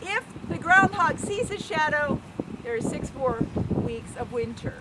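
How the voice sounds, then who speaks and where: A woman hosting an outdoor ceremony, giving an informal, halting, explanatory welcome speech to a public gathering. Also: high voice, animated. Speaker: ceremony host, groundhog handler. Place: outdoor town square. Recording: loud outdoor wind and street noise.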